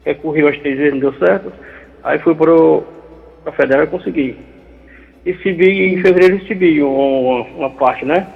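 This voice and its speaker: A middle-aged man calling in over the phone to ask a question. He talks haltingly and repeats words while he explains. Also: on the high side, gravelly. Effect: heard over the phone. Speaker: caller. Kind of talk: call-in question to a radio show. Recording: tinny phone line with long echo.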